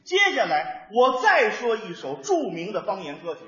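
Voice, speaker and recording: A man with a Beijing accent performing stage crosstalk comedy, playful and quick to slip into sung bits and dialect imitations. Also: sits high, big pitch swings, a bit bright. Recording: echoey hall, dull sound.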